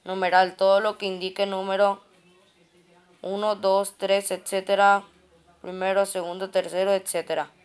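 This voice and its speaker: Woman, clear smooth voice, reads grammar notes aloud term by term, stumbles and restarts often. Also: mid-range voice, level tone, moderate pace. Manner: reads a list of terms and definitions, with frequent restarts on words.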